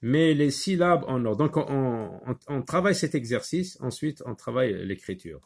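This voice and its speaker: A man's voice: medium pitch, expressive, moderate pace, vocal fry, breathy edge. A man teaching a reading and handwriting lesson, patiently talking the class through each step.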